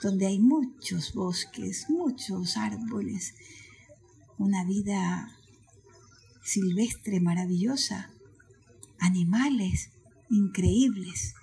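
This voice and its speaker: A woman telling a children's story, expressive and speaking straight to her young listeners. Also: medium pitch. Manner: expressive, addresses listeners directly.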